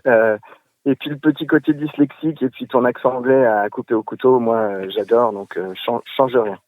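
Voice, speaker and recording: A man leaving a voice message for a podcast, hesitant and halting, stopping often to search for words. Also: medium pitch, a little mellow, no room sound, poor audio. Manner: hesitant, many fillers and restarts. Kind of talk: recorded voice message.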